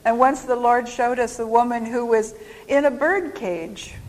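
Woman preacher, slightly high voice, reverberant hall. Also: a little mellow. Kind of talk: sermon spoken for live interpretation. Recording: echoey hall.

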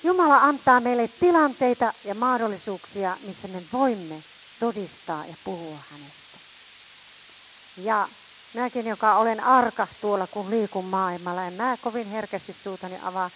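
A woman preaching a sermon, fervent, calling out to her congregation and swinging between loud shouts and quiet asides. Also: mid-range voice, a little hiss or hum, rough recording.

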